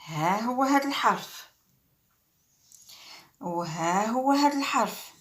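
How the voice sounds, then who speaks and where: A woman teaching Arabic letter reading in a slow lesson, repeating sounds and switching between French and Arabic. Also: fairly high pitch, animated. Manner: slow, repetitive, enunciating each sound.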